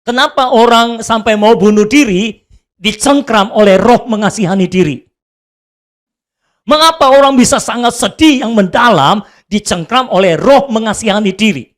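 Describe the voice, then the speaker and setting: A man's voice: sits high, moderate pace. A man preaching a sermon as pastor, joking and acting out prayers and quotes dramatically.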